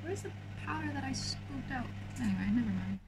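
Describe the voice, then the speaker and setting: A young woman with a raspy, lazy voice chatting casually through a makeup tutorial, full of fillers. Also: high-pitched, lively intonation, a little fast, noisy background. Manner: lazy, laid-back delivery full of fillers. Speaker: makeup vlogger.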